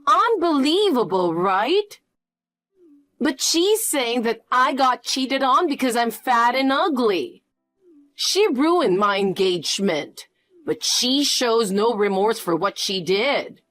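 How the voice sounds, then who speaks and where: A woman voicing a greedy, pushy middle-aged birth mother who talks in a demanding, shrill way. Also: big pitch swings, slow, a bit bright, no echo, faint music behind, full character voice. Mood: pleading. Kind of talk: animated story voice.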